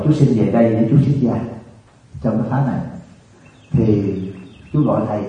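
Monk in an echoey hall. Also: male voice, fairly low pitch. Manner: storytelling, acting out dialogue, asking the audience questions. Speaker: Buddhist monk teacher. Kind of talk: dharma talk. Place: meditation hall. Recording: echoey distant hall recording, dull.

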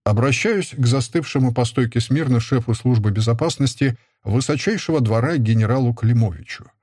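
A man narrating a first-person audiobook in a measured, even manner. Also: mid-range voice, slightly rough, dry recording, clean studio sound.

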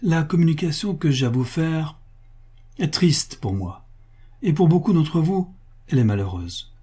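A proud factory owner on the edge of ruin speaks with solemn restraint, as a man reading a storybook voices him. His tone is mellow and slightly husky, the feeling kept under control. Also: fairly high pitch, expressive, unhurried, pitched above the performer's own voice. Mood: grave.

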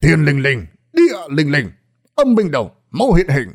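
A man's voice: on the high side, huge pitch swings, normal speed, voice pushed up. A righteous exorcist rebukes and chants an incantation, voiced by a man narrating. Each phrase rises with force. Stern and ritual. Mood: stern chanting.

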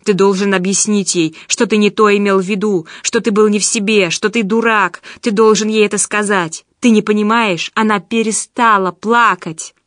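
Woman reading as a furious bossy guy yelling, dry close voice. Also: medium pitch, moderate pace, dry recording, natural voice. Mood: enraged. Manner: shouting, enraged. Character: furious domineering man in a castle.

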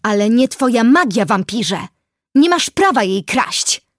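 Woman putting on a furious teen witch girl for an audiobook, yelling high and slow, no room sound at all. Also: sing-song, no room sound, clean studio sound. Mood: furious shouting. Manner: shrill, shouting, slow and emphatic. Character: furious defiant teenage witch girl, sixteen.

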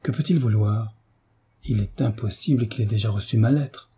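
A man reading the lines of an anxious young mother in a gentle, urgent tone, with a husky voice. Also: on the low side, moderate pace. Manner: soft, urgent pleading.

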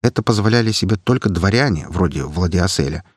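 A man narrating an audiobook in a steady storytelling manner. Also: low-pitched, a little fast, breathy edge, no echo, studio quality. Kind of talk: scripted narration.

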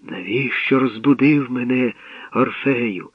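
A man voicing Eurydice, a sorrowful young woman woken from death, speaking quietly in a storybook reading. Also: medium pitch, slow, husky, no echo, narrow, tinny audio.

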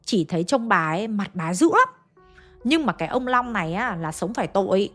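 A woman's voice: medium pitch, animated, a little fast, a bit bright, faint music behind. Woman doing a blunt, scornful village mother. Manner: blunt, scornful, matter-of-fact.

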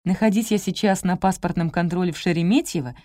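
A woman narrates a first-person detective story in a light, lively manner. Her voice sits low and sounds warm and mellow. The recording is dry and close, with no room sound. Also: quick pace, no echo. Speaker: audiobook narrator.

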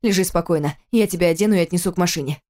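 A woman reading an audiobook voices a young husband, keeping his lines low and hushed, close to her own voice. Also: rapid-fire, natural voice. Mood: worried. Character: young husband, eager then alarmed.

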